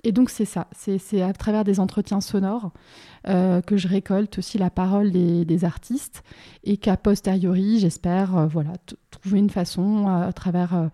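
This Bordeaux woman, an independent curator who also teaches at an art school, talks at a normal speed with a dark tone, medium pitch and fairly even intonation. In an informal interview she explains her work haltingly, repeating words while she looks for the next idea.

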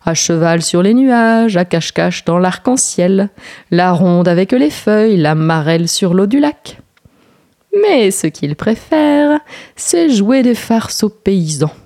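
A woman reads a children's story aloud with an expressive, lilting delivery. Her voice is warm and mellow, at a middle pitch. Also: takes it slowly.

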